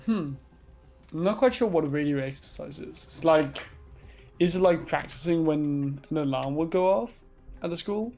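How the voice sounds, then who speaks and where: A man co-casting a live esports stream, musing aloud in relaxed chat. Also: fairly high pitch, moderate pace, gravelly, faint music behind. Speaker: esports co-caster.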